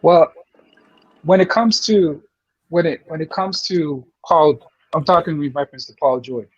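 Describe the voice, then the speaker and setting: A man calling into a casual sports talk panel, his audio breaking up as he talks haltingly and repeats himself. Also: on the high side, a little mellow, slightly rough, no room sound. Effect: glitchy online call audio breaking up. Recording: muffled, dull call-in line, breaking up.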